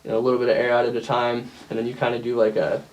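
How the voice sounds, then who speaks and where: A man gives a casual how-to talk in a middle-pitched voice. His delivery is informal and loose, circling through explanations in a halting, conversational way, like a vocalist teaching other singers. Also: completely flat delivery, muffled recording. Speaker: metal band vocalist giving a tutorial. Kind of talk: casual instructional chat.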